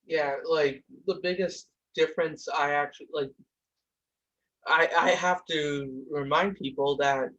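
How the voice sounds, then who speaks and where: Recording from home, a young podcast host from India talks fast and heatedly in a casual discussion, often restarting his sentences. His slightly high, steady voice sounds a bit bright, and the high frequencies are cut off.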